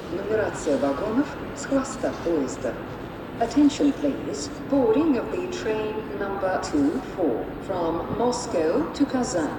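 A woman making formal railway station announcements over a PA loudspeaker in a measured way, rising on each opening call. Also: medium pitch, far from the mic. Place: large train station hall. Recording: echoey loudspeaker heard from afar, loud noise. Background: loud station noise.

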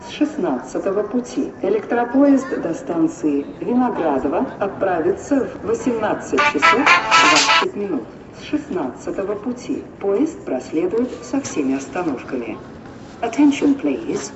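Female station announcer for airport-style PA calls: formal, clipped phrasing, swinging intonation, heavy echo. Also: medium pitch. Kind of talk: public-address train announcement, like an airport announcement. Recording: dull, distant, echoing, noisy station loudspeaker.

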